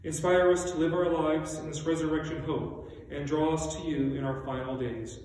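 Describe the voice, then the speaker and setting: Man, solemn prayer leader, slightly high voice, very reverberant church recording. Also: steady tone, darkish tone. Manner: solemn, measured. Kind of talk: reading liturgical intercessory prayer. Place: small church sanctuary, indoors. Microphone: distant camera. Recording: echoey church, distant mic, faint noise.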